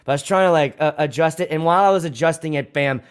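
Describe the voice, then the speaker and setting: Talking fast in a fairly high, clear and resonant voice, a young man from Pittsburgh, USA, hosts a casual DJ livestream. He has a Pittsburgh accent, rambles, swears freely and keeps restarting sentences.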